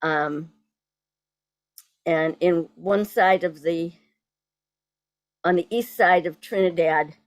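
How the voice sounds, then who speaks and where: Woman, Boston accent, slow and deliberate, lowish pitch, informal online talk with halting delivery. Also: no room sound. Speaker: poet introduced as guest speaker. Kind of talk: informal spoken presentation at online event. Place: virtual event on video call.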